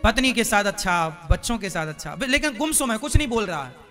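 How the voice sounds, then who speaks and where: A man's voice: sits high, expressive, fairly quick, pushed and bright, soft background music. A man preaching a sermon through stories, in a folksy way, asking the audience questions as he goes. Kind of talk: storytelling sermon.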